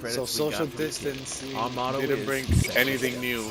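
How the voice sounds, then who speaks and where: A man's voice: medium pitch, little pitch movement, measured pace, over loud music, low-quality recording. A man in casual chat, giving short, dry remarks.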